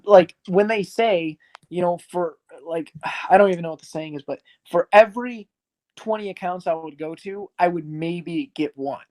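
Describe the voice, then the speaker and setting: Speaking at a moderate pace in a high, darkish voice, this early-twenties arcade owner is a guest in a laid-back interview. His talk wanders frankly and is full of filler words.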